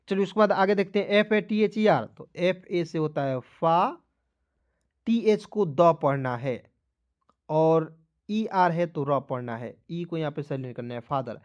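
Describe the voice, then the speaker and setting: A man teaching English spelling and pronunciation, drilling each word and asking the viewers questions back. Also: on the high side. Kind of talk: spoken spelling lesson.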